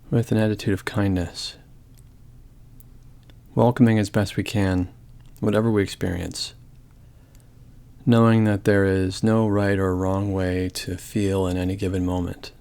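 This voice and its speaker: In a low voice, a man guides a body scan meditation, speaking calmly, gently and in a measured way with long pauses.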